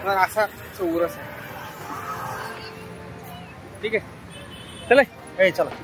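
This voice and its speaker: High-voiced man vlogging outdoors. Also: drawn-out words, rough recording. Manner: rambling, explaining directions. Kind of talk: casual vlog narration. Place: outdoors in a city. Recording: music playing behind.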